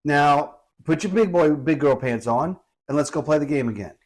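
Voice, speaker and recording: A man co-hosting a casual podcast with a fairly high voice. He tells stories with energy and acts out quoted lines as he goes. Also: normal speed, a little mellow. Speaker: podcast co-host.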